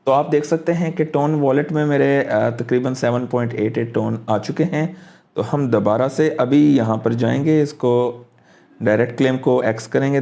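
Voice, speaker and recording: Mellow-voiced man walking through a screen tutorial. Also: mid-range voice, vocal fry. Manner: casual, thinks aloud while clicking through steps; mixes English phrases into his speech. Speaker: crypto tutorial host. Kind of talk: screen-recorded walkthrough tutorial.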